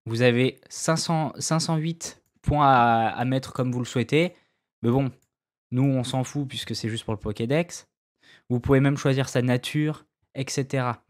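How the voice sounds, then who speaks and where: A man talks through a gaming tutorial in a casual, slangy way. His voice sits at an ordinary middle pitch. He keeps it loose and makes self-mocking asides as he goes. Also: unhurried. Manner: loose, slangy, with many fillers and restarts. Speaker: gaming YouTuber giving a tutorial. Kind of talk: casual screen-recorded tutorial.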